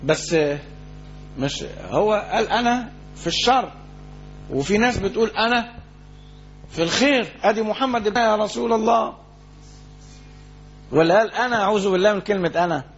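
A man with an Egyptian accent giving a religious lecture, telling the story in a lively way and quoting people as he goes. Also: high voice, moderate pace, long pauses, dull audio, a little hiss or hum. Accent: Egyptian Arabic. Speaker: preacher. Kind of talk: Islamic lecture on the Prophet's biography.

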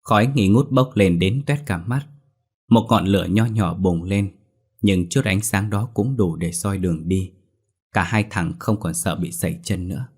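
Low-voiced male horror story narrator. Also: measured pace, a little mellow, slightly rough.

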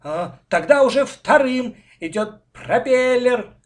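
Man doing a loud stubborn little boy in a storybook, high squeaky voice, shouting in slow bursts. Pitch jumps way up and down. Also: big pitch swings, exaggerated voice. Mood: excited, insistent. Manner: shouting, insistent.

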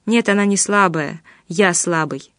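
A woman voicing a tormented young man who speaks low, hushed and intensely. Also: measured pace, no echo, studio quality. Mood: bitter mocking.

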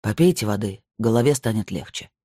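A stern male medium, played by an audiobook reader, speaks slowly in curt, grim sentences. His tone is warm and husky. The recording is dry and close. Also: on the low side, expressive, dry recording, voice pushed down. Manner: slow, clipped and curt. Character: stern bearded male medium, weary and tense.

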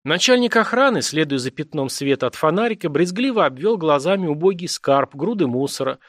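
Male audiobook narrator, measured and dramatic, slightly high voice, very dry studio. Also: lively intonation, no echo. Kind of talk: scripted narration.

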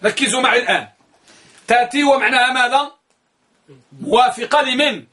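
A man's voice: extremely high pitch, a little fast, pushed and bright. A man teaching a grammar lesson. He asks the class questions, answers them himself, and repeats key phrases for emphasis.

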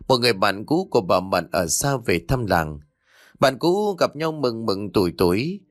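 A man narrating a dramatic ghost story, expressive and shifting his pace for drama. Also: medium pitch, dry recording, clean studio sound.

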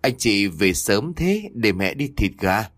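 A frightened elderly grandmother in a horror audiobook, her calls rising high and anxious, as a male narrator puts her on. She speaks in a soft, trembling way to her family. The voice stays lively in pitch and dry and close to the mic. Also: takes it slowly, no echo, full character voice. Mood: gentle elderly.

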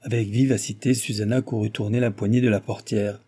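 A man narrating a novel as an audiobook reader, with steady, even storytelling. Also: on the low side, brisk, breathy edge.

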